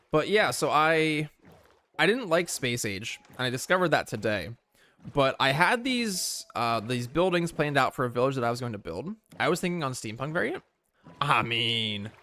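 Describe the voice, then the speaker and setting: A man's voice: mid-range voice, pushed and bright. A man hosting a casual game livestream, chatting loosely with viewers, rambling and correcting himself as he goes. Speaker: livestream host. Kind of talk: casual livestream chat while playing.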